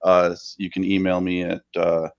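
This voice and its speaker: A man's voice: deep voice, completely flat delivery, moderate pace, muffled recording. A man co-hosting a podcast, chatting casually with jokey, rambling asides. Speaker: podcast co-host.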